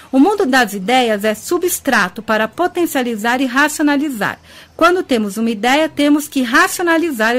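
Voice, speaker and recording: Chatty high-voiced Brazilian woman radio host. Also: fairly bright tone. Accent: Brazilian Portuguese. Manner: chatty and affectionate, greets listeners by name; laughs often, talks quickly in bursts. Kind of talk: web radio talk show on ufology and spirituality. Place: radio studio.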